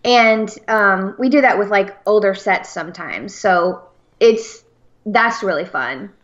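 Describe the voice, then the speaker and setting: A woman co-hosting a casual podcast chat, teasing and playful, with a dull, lo-fi sound. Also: mid-range voice. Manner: teasing, playful, drawn-out speech. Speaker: podcast co-host.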